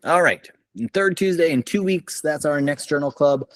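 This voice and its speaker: A man's voice: fairly high pitch, moderate pace. A man moderating an online journal club over a video call, chatty and upbeat, with many fillers and restarts. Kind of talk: casual online meeting chat.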